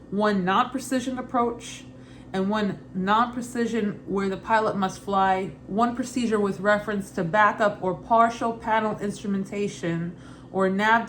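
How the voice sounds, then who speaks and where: A woman with a loose Brooklyn accent reads study questions and answers aloud informally, repeating and rephrasing as she thinks through them. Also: medium pitch. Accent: Brooklyn, put on loosely and unevenly. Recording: clearly noisy ambient background.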